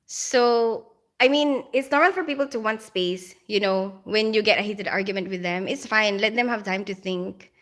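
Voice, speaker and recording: A woman with a Filipino accent chats casually on a live stream and reads viewer comments aloud. Her voice is bright and forward, with an easy, middling pitch. She talks straight to her viewers and breaks into laughter often. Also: normal speed. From Philippines.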